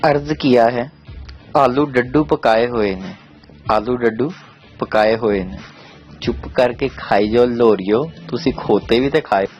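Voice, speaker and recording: A man, reading short jokes aloud in a steady storytelling voice. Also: medium pitch, takes it slowly. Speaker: joke narrator. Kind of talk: scripted joke narration. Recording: slightly dull sound with faint music.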